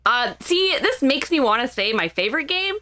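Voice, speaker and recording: A young woman co-hosts a casual gaming podcast. She sounds bright and animated, with a fairly high pitch, and she giggles and swears as she chats. Her voice is close and dry on the mic. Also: normal speed, no echo. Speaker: podcast co-host. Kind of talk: casual chat.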